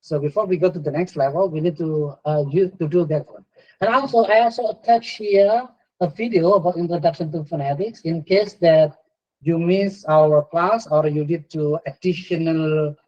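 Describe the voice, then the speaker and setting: A man's voice: fairly high pitch, steady tone, normal speed, darkish tone, highs cut off. A middle-aged man with an Indonesian accent giving a university lecture, often repeating words and ending points with "yeah". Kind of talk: online class lecture.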